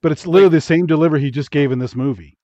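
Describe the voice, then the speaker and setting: A man's voice: on the high side, racing, warm tone, no room sound. A man giving casual, critical film commentary as co-host of a watch-along, bluntly saying what he dislikes. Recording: dull lo-fi audio.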